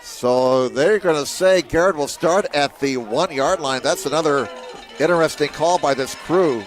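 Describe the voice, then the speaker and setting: Man, football play-by-play, steady calls, jumps up on big plays, fairly high voice. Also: a little slow, faint music behind. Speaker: play-by-play commentator.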